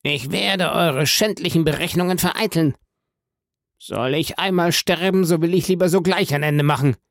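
A man's voice: on the high side, expressive, moderate pace, darkish tone, no echo, pitched above the performer's own voice. A panicked, greedy banker pleads and haggles for his life in an audiobook, as a male reader puts him on. The voice sits well above the reader's own, dry and close. It turns frantic and defiant by turns. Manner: pleading, bargaining, rising to frantic outbursts. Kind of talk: audiobook reading.

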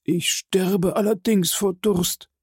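A man voicing a faithful old male servant who is stricken and failing, speaking in a slow, breathy, pained voice for a storybook reading. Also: sits high, steady tone, darkish tone, dry recording, clean studio sound, voice pushed up, full character voice. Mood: weary.

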